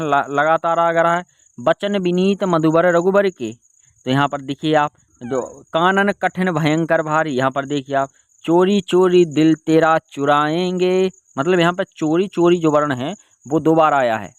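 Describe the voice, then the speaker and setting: A man's voice: on the high side, clean tone, no room sound. A man teaching an online exam-prep lesson, repeating key terms and asking and answering his own questions. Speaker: Hindi exam tutor.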